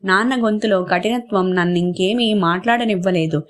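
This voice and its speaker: A woman's voice: mid-range voice, moderate pace. A woman telling a short story, narrating it aloud and acting out the family members' lines in quotes.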